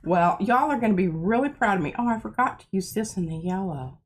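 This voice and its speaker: This craft show host talks while she works through a casual art demonstration at her home studio, chatty and poking fun at herself. Her mid-range voice has lively intonation, a slightly fast pace and a breathy edge, and she sounds a bit stuffy-nosed.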